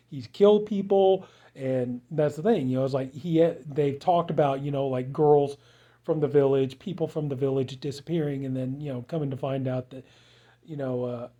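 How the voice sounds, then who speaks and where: Rambling man with a mellow voice. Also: mid-range voice. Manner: rambling, many fillers and restarts. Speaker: film reviewer. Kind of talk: casual spoken movie review.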